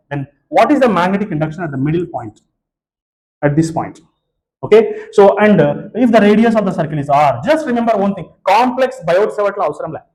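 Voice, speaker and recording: A man with a fairly high voice lectures a physics class in Telugu-accented English. He slips into Telugu often and fills pauses with "uh" as he talks through each step. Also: a little mellow, low-quality recording. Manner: switches between English and Telugu, many fillers and restarts. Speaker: physics teacher. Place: classroom with students present.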